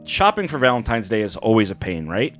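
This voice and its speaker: A man's voice: fairly low pitch, big pitch swings, a little fast, a bit bright, faint music behind. A man chatting casually and irreverently as a podcast co-host. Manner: irreverent, sweary. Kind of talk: casual banter.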